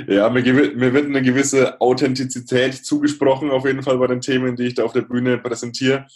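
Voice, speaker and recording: A man, a podcast guest speaking reflectively, with pauses and restarts. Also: mid-range voice, little pitch movement, a little mellow. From Franconia, Germany. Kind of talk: podcast interview.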